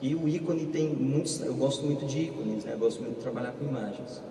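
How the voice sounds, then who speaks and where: Animated Brazilian man telling stories in a hall. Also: medium pitch, fast talker, creaky. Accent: Brazilian Portuguese. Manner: animated, humorous storyteller who acts out dialogue. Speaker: speaker at marriage preparation course. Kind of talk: lively church talk with personal stories. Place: large church hall. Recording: roomy hall, far from the mic, noisy.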